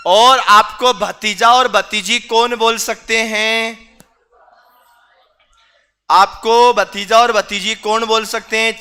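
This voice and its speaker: Guy teaching a class, really bright smooth voice, keeps quizzing students. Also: high voice. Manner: questions students, teasing and repetitive. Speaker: reasoning teacher. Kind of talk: online class lecture.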